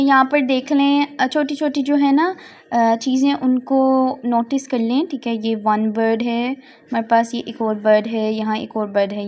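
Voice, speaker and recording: A woman's voice: on the high side, a little mellow, highs cut off. A woman teacher, patiently explaining quiz answers, repeating each question and translating the English lines. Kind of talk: slow tutorial narration over slides.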